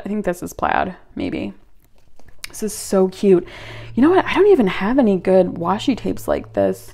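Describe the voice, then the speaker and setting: A woman hosting her own channel, chatting through an unboxing in a gushing, giggly, excitable way. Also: medium pitch, vocal fry. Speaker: channel host. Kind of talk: casual unboxing chat.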